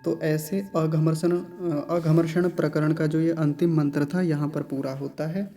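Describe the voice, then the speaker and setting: Mellow-voiced man teaching slow recitation. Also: fairly high pitch, little pitch movement. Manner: slow, deliberate syllable-by-syllable demonstration; chants mantra lines in measured recitation. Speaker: Sanskrit pronunciation teacher. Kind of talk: recitation lesson.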